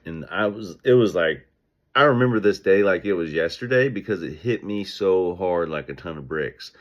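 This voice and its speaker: A man speaking as a business owner, telling stories and giving advice in an energetic, conversational way. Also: sits low, normal speed, highs cut off. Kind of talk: casual motivational talk.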